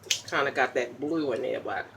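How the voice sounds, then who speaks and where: A woman's voice: extremely low pitch, moderate pace, vocal fry, background noise. A woman hosting a casual makeup tutorial in an ASMR style, chatty and popping gum, checking in with "okay?" after each step. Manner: pops chewing gum while talking.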